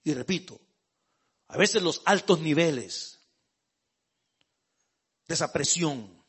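A man's voice: fairly high pitch, lively intonation, slow pace, a bit bright, slightly rough. A male pastor preaching a sermon. He talks conversationally, calls listeners brother, and builds to emphatic outbursts.

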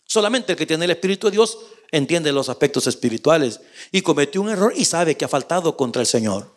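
A man's voice: fairly high pitch, animated, brisk. A man preaching a sermon, reading scripture aloud and speaking dramatically to the congregation. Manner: dramatic, reads scripture aloud and acts out quotes; addresses the congregation directly.

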